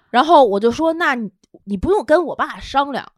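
A young woman, hosting a podcast and telling a personal story in an emotional, animated way. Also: high voice, no echo, clean studio sound. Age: young adult. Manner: emotional, animated retelling with quoted dialogue. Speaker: podcast host. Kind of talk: casual storytelling chat.

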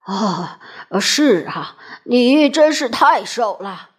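Woman as plump puffing doctor for a storybook reading, deep and very slow, greedy and breathless. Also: fairly bright tone. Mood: wheezy, greedy. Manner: puffing, drawn-out, with grunting fillers.

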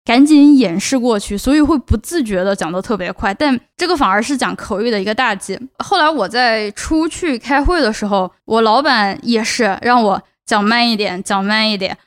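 A young woman from Chongqing, China, hosting a casual solo podcast in a fairly high voice. She talks earnestly and gives advice. She drives points home by repeating words. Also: lively intonation, moderate pace, few pauses, a bit bright. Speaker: podcast host.

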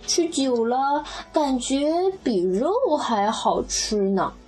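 A woman voicing a clever, greedy male fox who mutters to himself in a lower voice in a children's story. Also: expressive, slow, darkish tone, slightly rough, faint music behind, exaggerated voice. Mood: grumbling, flustered. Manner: lower, muttering self-talk.

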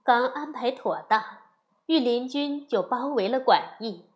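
A woman narrating a children's story episode in an expressive storytelling manner. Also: a little high, a little slow.

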